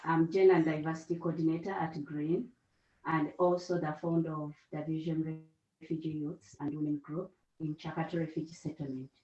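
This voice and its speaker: A woman's voice: low-pitched, little pitch movement, fairly quick, mellow, roomy sound, lo-fi sound. A woman from the Democratic Republic of Congo giving a brief, formal self-introduction. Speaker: gender and diversity coordinator.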